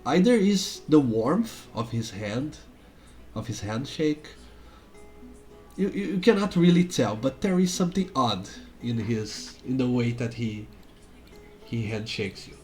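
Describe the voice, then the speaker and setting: A man working as game master, improvising narration in a halting manner and often repeating words. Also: medium pitch, very animated, darkish tone, soft background music.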